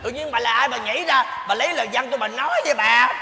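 A small, self-pitying old male spirit, whining and fussing in a stage comedy. The voice sits very high. It echoes around a large hall, with loud music playing under it. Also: fast, slight background noise, full character voice. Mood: whiny. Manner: exaggerated, whiny, comic. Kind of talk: live stage comedy acting.

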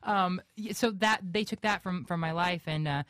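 A young man with a naturally high voice appears as a guest actor in a radio interview. He talks haltingly, full of fillers and restarts, in a bright, forceful, clean tone with clean studio sound and no room noise.

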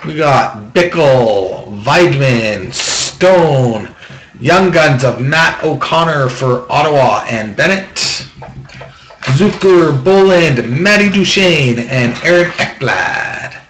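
Opening packs at his table in a small home room, this box break host reads the cards off in a quick list, slipping in casual jokes and gripes. He is slow-spoken, with a fairly high pitch, lively intonation and a bit of brightness to his tone. Faint background noise and room echo are audible.

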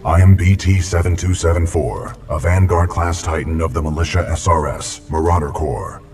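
An actor voicing a battle-damaged male military robot that sounds rusty, with flat, measured, literal speech in a video game. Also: low-pitched, lightly acted. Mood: calm, measured.

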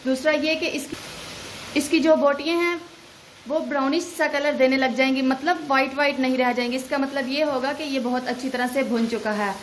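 Woman with walking through a recipe, high voice, echoey kitchen, faint sizzle behind. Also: moderate pace, slight background noise. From Pakistan. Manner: steady step-by-step instructions. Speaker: cooking channel host. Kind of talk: voice-over cooking tutorial.

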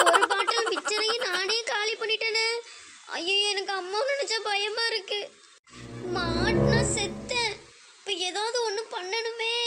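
A woman's voice: very high-pitched, noisy background. A woman playing a scared child who stammers and whines through denials, in a Kanniyakumari accent. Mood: panicked. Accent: Kanniyakumari Tamil. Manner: panicky, stammering, whiny denials. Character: scared fibbing child caught snacking. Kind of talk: comic sketch acting.

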